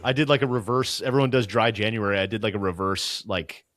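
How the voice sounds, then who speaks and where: A man's voice: fairly low pitch, quick pace, fairly bright tone, no room sound, studio quality. A young man co-hosting a podcast, telling loose, self-deprecating stories with lots of swearing and laughter. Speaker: podcast co-host. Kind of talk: casual chat.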